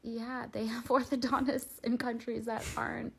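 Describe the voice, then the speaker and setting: Woman, higher voice, upbeat, amused, faint background hiss. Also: level tone, normal speed, vocal fry. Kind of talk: casual storytime to camera.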